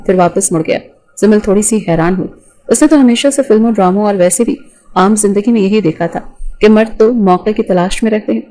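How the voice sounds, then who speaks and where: A woman narrating a romance novel with an even, storytelling delivery. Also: mid-range voice, low-quality recording.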